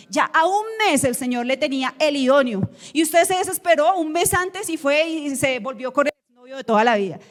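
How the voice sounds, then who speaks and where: Lady preaching, high voice, keeps asking the church questions, big echoey hall. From Colombia. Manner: emphatic, rhetorical questions to the congregation. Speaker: guest preacher. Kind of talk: sermon. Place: church sanctuary.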